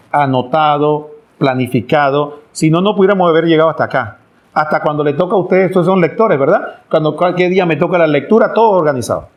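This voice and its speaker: A middle-aged man with a notably high voice gives a catechetical talk to pilgrims. He asks the audience rhetorical questions and slips into short acted dialogues. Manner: acts out family dialogues with pleading voices.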